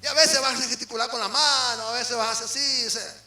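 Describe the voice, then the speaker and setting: High, bright-voiced Venezuelan preacher man. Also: fairly even intonation, quick pace, distant mic. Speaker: apostle preaching. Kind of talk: sermon. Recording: roomy hall from off the mic, faint music.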